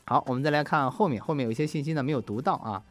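A man's voice: mid-range voice, racing, no echo, faint music behind. A man hosting a show, reading listener messages in a jokey, chatty way and laughing often. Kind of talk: casual chat.

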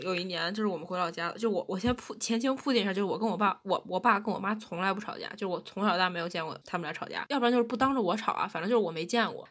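A woman at a middle pitch rattles through a story at great speed. She keeps restarting and stacking fillers in a rambling, conversational way. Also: a bit bright. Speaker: podcast co-host. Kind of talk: casual storytelling.

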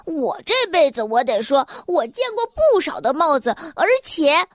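A woman reading a children's story, voicing an excitable chatterbox man who rambles on without pause. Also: high-pitched, no room sound, clean studio sound. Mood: excited.

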